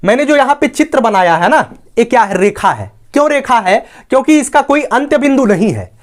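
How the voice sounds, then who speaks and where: A man's voice: extremely high pitch, lively intonation, fairly quick. A man teaching a maths lesson at a board. He explains step by step and keeps checking that listeners follow.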